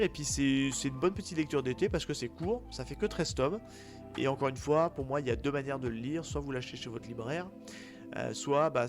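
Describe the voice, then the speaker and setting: Man with a tired voice, music behind. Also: medium pitch. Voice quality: tired, worn voice. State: voice worn out from a day out in the cold. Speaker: podcast co-host. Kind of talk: casual manga review chat. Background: music behind the talk.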